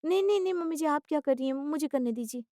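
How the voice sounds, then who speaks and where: A woman voicing a sweet, innocent young daughter-in-law who speaks softly and politely, a little higher than her usual voice. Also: lively intonation, rapid-fire, no echo, clean studio sound. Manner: soft, polite and eager.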